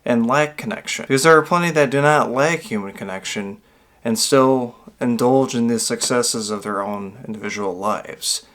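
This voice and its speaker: A man's voice: mid-range voice, normal speed, fairly bright tone. Earnest rambling man vlogging. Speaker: YouTuber with a small channel. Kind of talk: motivational vlog monologue.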